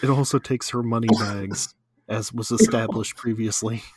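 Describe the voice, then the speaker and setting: A man's voice: medium pitch, fairly even intonation, normal speed, a little mellow, breathy edge, no echo. A man co-hosting a podcast, chatting casually and teasing his co-host with dry humour. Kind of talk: casual chat about an anime.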